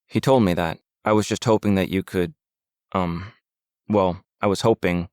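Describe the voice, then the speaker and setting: A man's voice: low voice, fairly even intonation, normal speed, a little mellow, clean tone, dry recording, studio quality, close to an everyday voice. A man reading the lines of an uneasy, hesitant man haunted by a ghost, in an awkward, faltering way, in an audiobook.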